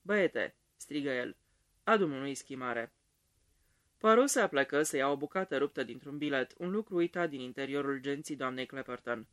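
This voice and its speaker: A man reading a detective story aloud in measured scripted narration. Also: mid-range voice, lively intonation, fairly bright tone. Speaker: reader.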